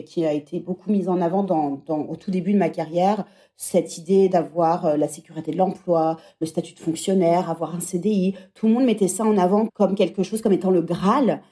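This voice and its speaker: Her warm, lowish voice carries a reflective, thinking-aloud quality. She's in her thirties, a former teacher chatting as a guest on a podcast interview.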